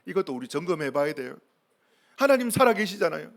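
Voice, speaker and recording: A man's voice: a little high, very animated, fast, creaky. A man preaching a sermon as pastor, emphatic and full of questions to the congregation.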